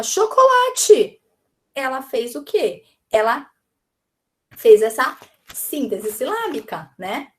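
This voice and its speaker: A woman with a São Paulo Brazilian accent explaining teaching ideas in an online teacher training, talking in a chatty, explanatory way with many "né?" and "tá?". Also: a little high. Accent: Brazilian Portuguese, São Paulo. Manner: explanatory, uses diminutives and frequent "né?" and "tá?". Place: live stream presentation.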